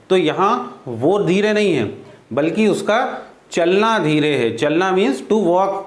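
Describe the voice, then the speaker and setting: Slow, deliberate teacher. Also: male voice, sits high. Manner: slow and deliberate, repeating examples and asking questions. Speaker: English teacher. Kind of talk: classroom grammar explanation. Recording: echoey room.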